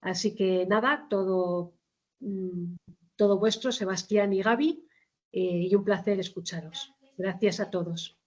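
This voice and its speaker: A woman's voice: medium pitch, a little slow, a little mellow. Woman hosting, slightly muffled audio. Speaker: host introducing the speakers. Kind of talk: informal webinar introduction. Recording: slightly dull online call audio.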